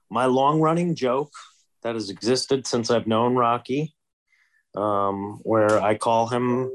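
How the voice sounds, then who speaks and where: Male podcast host, unhurried drawl, crude jokes, casual banter. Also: mid-range voice. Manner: joking, crude, slow drawl.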